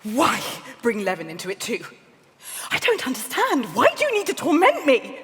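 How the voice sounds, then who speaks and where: An actress gives voice to a proud, wounded young woman who snaps back defensively. The voice sits high and leaps widely as she talks fast. It rings out in a large hall on stage during a live reading. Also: huge pitch swings, a bit bright, slight background noise. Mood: agitated. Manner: agitated, quick and emotional. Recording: hall reverb.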